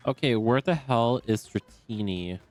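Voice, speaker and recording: A young man in a relaxed, rambling style, commenting casually as he streams a game and talking to himself with many fillers. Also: medium pitch, unhurried, faint music behind.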